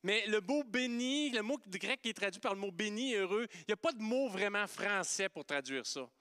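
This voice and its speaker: Québécois male pastor, lively sermon, slightly high, smooth and crisp. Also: fairly quick, no echo, studio quality. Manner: animated and playful, swinging from loud exclamations to hushed softness.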